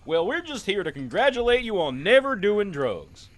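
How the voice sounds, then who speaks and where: A man voicing a gentle, goofy cartoon dog with a folksy, drawn-out Southern US accent. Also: high voice, very animated. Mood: bashful. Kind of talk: cartoon parody dub acting.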